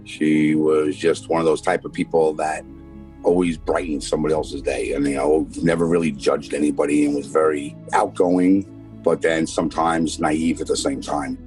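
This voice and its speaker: Very deep-voiced father speaking plainly. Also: little pitch movement, moderate pace, darkish tone, soft background music. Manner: plain-spoken, repeats himself for emphasis. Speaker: interviewee, father. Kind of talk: casual interview recollection.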